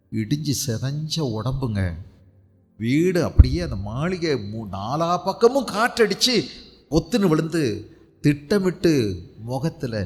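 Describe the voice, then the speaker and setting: Tamil nadu pastor man preaching, voice jumping up and down, long echo in the hall. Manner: animated, rhetorical questions, dramatic swings in pitch and loudness. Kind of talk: sermon. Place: church prayer hall. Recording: long hall reverb with faint music.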